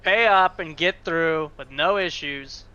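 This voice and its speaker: A man's voice: fairly high pitch, unhurried, sharp tone, clean tone. A man narrating a tabletop game as game master, calling out rulings and action, in slightly muffled sound.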